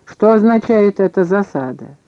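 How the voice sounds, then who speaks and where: A man doing a shrill yelping old man. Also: expressive, moderate pace, dark tone, dry recording, highs cut off. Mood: testy. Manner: yelping, fussy. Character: shrill jittery old male historian.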